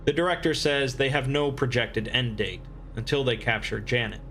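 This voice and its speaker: A man reading scripted explainer narration in a measured, expository manner. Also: mid-range voice, fairly bright tone.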